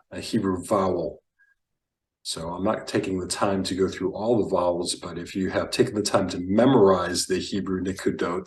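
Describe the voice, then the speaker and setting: A man teaching Biblical Hebrew reading, slow and careful, enunciating each word. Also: low voice, echoey room, far from the mic, rough recording.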